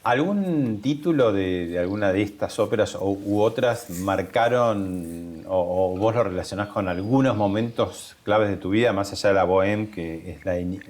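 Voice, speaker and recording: A man interviewing a guest, asking conversational questions in a halting way that often restarts mid-sentence. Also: on the low side, a little mellow.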